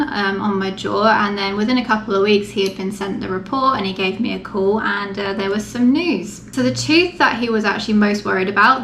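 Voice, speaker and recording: Female vlogger, mid-pitched, informal and matter-of-fact explainer; roomy echo, slight background noise. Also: fairly bright tone. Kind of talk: casual explanatory vlog to camera. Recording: echoey room with faint background noise.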